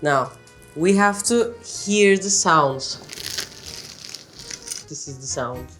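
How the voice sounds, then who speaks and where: A woman with a Turkish accent hosting a home cooking show, chatting warmly and directly to her viewers from her kitchen. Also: low-pitched, lively intonation, drawn-out words, over music. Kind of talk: casual cooking demonstration.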